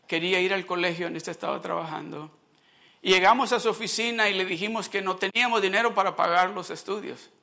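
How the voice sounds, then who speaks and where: A man's voice: sits high, sharp tone. A middle-aged man giving a sermon testimony, telling a personal story and slipping in English phrases.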